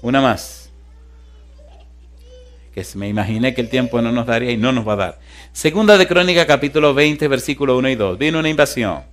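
A male pastor giving a sermon, moving between loud rousing calls and hushed storytelling. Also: mid-range voice, expressive, brisk, long pauses.

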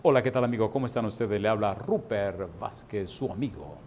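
A man putting on the voice of a self-important male radio announcer, soft and smooth. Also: fairly quick, slight background noise, natural voice. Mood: suave. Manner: deep, soft announcer delivery.

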